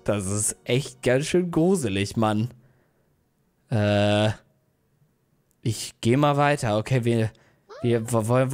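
A young man narrating a mobile game as a YouTuber, excitable and yelping in fright. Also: medium pitch. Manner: excitable, yelps and shouts in fright. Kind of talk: let's play commentary.

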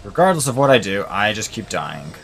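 A man's voice: on the low side, big pitch swings, brisk, a bit bright, slight background noise. A young man narrating his own gameplay, venting and exasperated, rambling with lots of filler words. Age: young adult. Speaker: gaming channel host. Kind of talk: let's play commentary.

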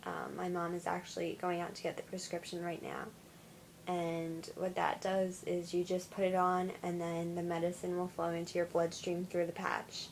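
A tired young woman talking at home in a casual video diary, halting, with many fillers and restarts. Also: fairly low pitch, completely flat delivery, creaky, slight background noise, rough recording. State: tired, yawning. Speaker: vlogger.

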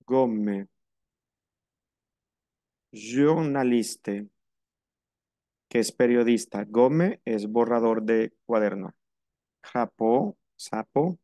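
A man teaching a French lesson, slow and careful, repeating each word for his students. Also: medium pitch, darkish tone, no room sound, studio quality. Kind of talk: language lesson.

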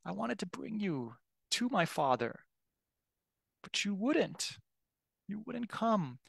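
A man's voice: sits high, very animated, a little slow, pushed and bright, no room sound, voice pushed up, exaggerated voice. A man voicing a grieving figure who pleads with and reproaches a doomed city.

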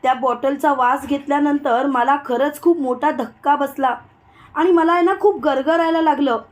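A woman's voice: sits high, fairly even intonation, normal speed, close to an everyday voice. A woman voicing the worried elder lady of a household as she confides a suspicion, in a retold serial story.

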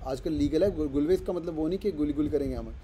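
A man's voice: a little high, fast talker, dark tone, slight background noise. A man teaching vocabulary in an online class, playful and teasing, switching between explanation and little skits of his students.

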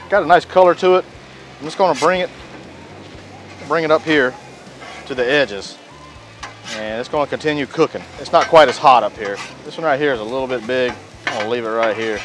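A man cooks outdoors on a beach for his cooking channel, chatting casually into a clip-on lapel mic. He's folksy and talkative, saying "y'all" often, and his voice is medium in pitch and a bit bright.

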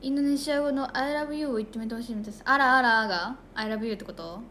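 A woman's voice: on the high side, fast, fairly bright tone, a little hiss or hum. A young woman chatting casually on a livestream, reading viewer comments aloud. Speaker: idol livestreamer.

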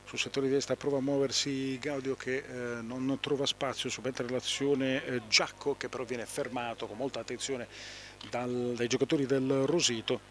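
A man with an Italian accent giving live play-by-play football commentary outdoors, halting at times to fill in details. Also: mid-range voice, level tone, fairly bright tone. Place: outdoors beside a small football pitch.

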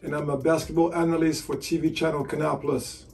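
A man's voice: on the high side, level tone, fairly quick, gravelly, distant mic, loud music behind the voice. A man in his forties, a sports agent, answering interview questions casually with lots of "you know" fillers, seated in a hotel room. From France. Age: 40s. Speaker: sports agent and basketball analyst.

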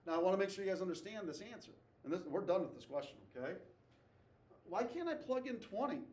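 A man's voice: sits high, very animated, quick pace, a little mellow. A man teaching a math class, asking students questions, repeating their answers and tagging "okay?" after his points. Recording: echoey classroom, voice from far off.

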